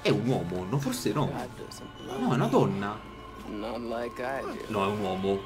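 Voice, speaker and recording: A man's voice: fairly low pitch, big pitch swings, slow pace. Jumpy, swearing man commentating a horror game. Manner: jumpy, swearing, joking to himself. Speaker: gaming streamer. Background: game music.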